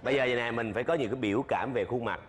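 A man's voice: mid-range voice, very fast. A man acting in comedy sketches with joking, playful banter.

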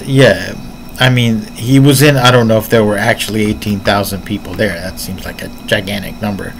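A man's voice: lowish voice, creaky, fairly bright tone, a little hiss or hum, rough recording. Earnest man thinking aloud. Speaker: martial arts commentator. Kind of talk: casual reaction commentary.

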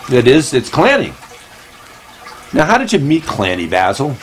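A man's voice: mid-range voice, wildly swooping pitch, normal speed, a little hiss or hum, rough recording. A man hosting a comedy show, rambling and meandering as he talks, recorded on a phone at home. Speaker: host. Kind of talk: comedic monologue.

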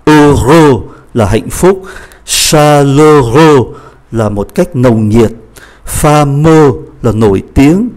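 A man teaching French pronunciation in a language lesson, saying example words slowly and clearly before explaining them at a quicker pace. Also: medium pitch, animated, darkish tone.

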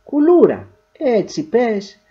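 A woman voicing an eager, quick young female factory worker in a spoken story, with lively questions. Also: a little high, muffled recording, voice pushed up.

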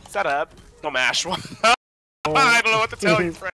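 A young man streaming a fighting game match, excitable and laughing, swearing and trash-talking his opponent. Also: high-pitched, moderate pace, soft background music. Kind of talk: casual live gameplay banter.

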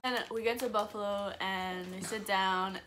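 A young woman hosting a casual storytime chat with friends, excitable and laughing, full of "like" and "literally". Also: mid-range voice, normal speed, a little hiss or hum. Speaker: channel host.

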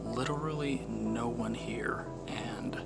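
A man vlogging in a hushed, secretive half-whisper, speaking low as if in a quiet place. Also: slow, loud music behind the voice. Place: quiet empty library, indoors.

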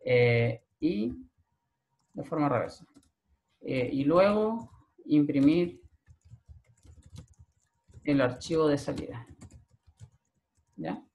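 A man's voice: fairly high pitch, lively intonation, drawn-out words, pauses often, a little mellow. A male programming lecturer with a Chilean accent, explaining step by step and checking in with a frequent "¿ya?". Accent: Chilean Spanish. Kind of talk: recorded screen-share class.

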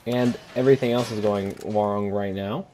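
Male horror streamer: low-pitched, slangy, sweary, rattled and panicky, some background noise. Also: steady tone, moderate pace, mellow. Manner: casual slangy talk with swearing. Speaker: video game streamer. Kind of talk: live horror game commentary, casual chat.

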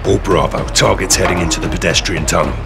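An actor playing a hardened special forces operative, speaking in clipped, commanding military game dialogue. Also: male voice, low voice, fast talker, gravelly, over loud music. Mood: clipped, focused. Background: loud game score.

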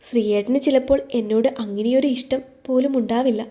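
A woman voicing a young woman who hides her heartbreak behind gentle teasing, in an audio storybook. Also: a little high, steady tone, brisk, lightly acted. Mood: wistful.

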